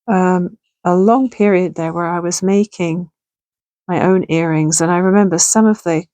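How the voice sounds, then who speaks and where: At a moderate pace, a middle-aged woman hosting a crafting channel talks through her project in a relaxed tutorial chat, musing aloud while working in her home sewing room. Her voice is fairly low, gravelly and a bit hoarse, captured close and dry with no echo.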